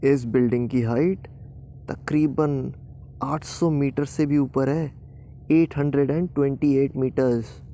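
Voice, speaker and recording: A man's voice: medium pitch, fairly even intonation, slow, mellow, a little hiss or hum. A man voicing a boastful, dismissive air conditioner in a children's bedtime story. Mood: smug. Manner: smug, dismissive.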